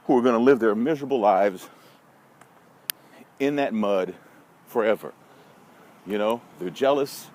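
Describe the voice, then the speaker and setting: An American vlogger who consults on social media marketing walks in a park and talks casually and bluntly, rambling with wry, folksy asides, in a fairly low, slightly mellow voice. The outdoor recording is noisy, with passing vehicles and city ambience.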